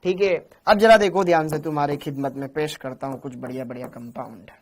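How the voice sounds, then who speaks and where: A man's voice: on the high side, steady tone, fairly quick. A man teaching chemistry in a live online class. He talks in a playful, teasing way, calls students by name and mixes English words and lines of verse into his explanations.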